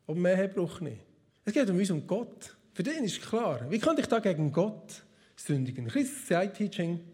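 A man's voice: sits high, big pitch swings, moderate pace, darkish tone. A man with a Swiss German accent telling a Bible story as a casual sermon, chatty and speaking straight to his listeners with asides. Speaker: preacher.

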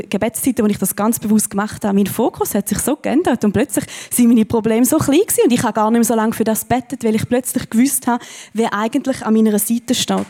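A woman preaching from a church stage. Her voice sits a little high, and her delivery is earnest and encouraging. She often lifts her pitch to stress a point. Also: mellow. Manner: earnest and encouraging, with emphatic rises. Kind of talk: sermon.

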